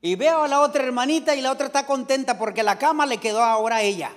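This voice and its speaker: A man's voice: very high-pitched, fast talker, long reverb tail. A middle-aged man preaching a sermon in a folksy, joking way, calling out to the congregation again and again.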